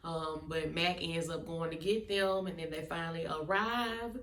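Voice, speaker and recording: A woman's voice: sits low, normal speed, fairly bright tone, far from the mic. A woman giving a sassy, blunt, emphatic casual review of a reality TV episode. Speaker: reality TV recapper. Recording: echoey room, off-mic.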